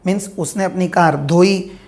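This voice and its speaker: Woman teaching grammar, lowish voice. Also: a little mellow. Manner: slow, deliberate dictation of example sentences; asks questions and answers them herself. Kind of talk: classroom grammar lesson.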